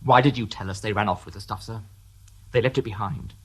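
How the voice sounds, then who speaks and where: A sardonic police inspector. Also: male voice, lowish voice, brisk, a bit bright, slightly rough. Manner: dry, sardonic, politely needling. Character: shrewd wry male police detective inspector. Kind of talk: radio drama acting.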